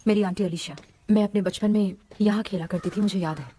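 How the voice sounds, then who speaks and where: An actress dubbing a direct, determined young woman exorcist who talks in a brisk, practical way. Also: mid-range voice, steady tone, mellow, slightly rough, lightly acted. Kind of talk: Hindi film dubbing.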